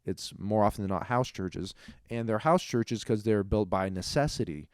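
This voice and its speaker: A young man co-hosting a casual faith podcast, talking in animated bursts and laughing often. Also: on the low side, normal speed, no room sound, studio quality. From Ukraine. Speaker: podcast co-host. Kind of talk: casual chat.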